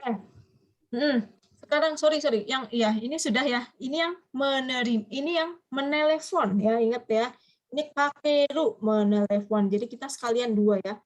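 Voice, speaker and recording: A woman's voice: a little high, moderate pace. Woman teaching business Japanese. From Indonesia. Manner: explains patiently, quizzes students, mixes Japanese phrases into explanations. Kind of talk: online class lecture.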